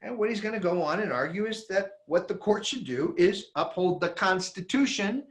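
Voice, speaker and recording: A man giving an emphatic, animated lecture that he reads from a handout, with frequent restarts. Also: sits high, normal speed. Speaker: teacher.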